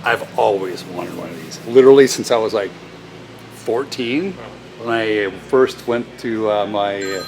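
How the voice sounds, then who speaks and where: A man's voice: lowish voice, unhurried, creaky, noisy background. A man chatting casually in a machine shop, rambling with fillers and restarts as he shows off new equipment.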